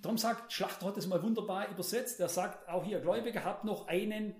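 High-voiced German preacher in an echoey hall. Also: male voice, brisk. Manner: emphatic, addresses the audience directly, repeats words. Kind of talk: sermon. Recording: roomy echo.

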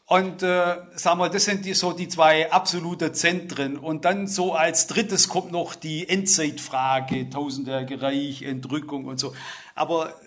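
A middle-aged man preaching a sermon, stressing words loudly and then dropping into quiet asides. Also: steady tone, measured pace. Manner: emphatic, swings between loud stress and low asides.

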